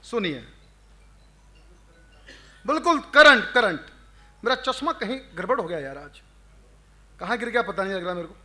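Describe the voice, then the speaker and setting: A man reciting patriotic verse live, chanting refrains and stretching lines slowly between crowd banter. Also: high-pitched, lively intonation, sharp tone. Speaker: stage poet and emcee. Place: live event before an audience.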